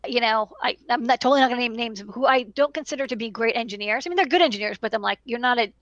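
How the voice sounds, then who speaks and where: This woman talks very fast in a fairly high, fairly bright voice, and the headset recording is muffled with no echo. She's in her thirties, runs an electronics business, and gives informal, emphatic advice on a livestream from a small room, doubling up words for emphasis.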